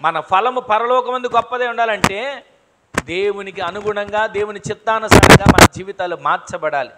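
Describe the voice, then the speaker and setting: A man's voice: high-pitched, background noise. A man preaching a sermon to his congregation, repeating phrases and asking rhetorical questions, often calling on them to say amen. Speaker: pastor. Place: church hall.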